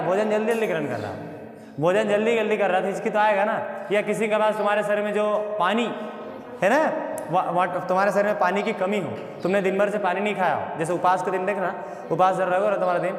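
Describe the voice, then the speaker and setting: A male biology teacher, lecturing in a call-and-response way. He asks each question again and again, then gives the answer himself. The sound rings with a long, roomy reverb. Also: sits high. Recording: echoey, reverberant room.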